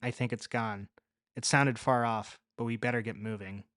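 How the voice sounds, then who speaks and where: A man voicing a calm, resourceful young woman survivor, speaking low and matter-of-fact. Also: moderate pace, no echo, studio quality, natural voice. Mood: guarded.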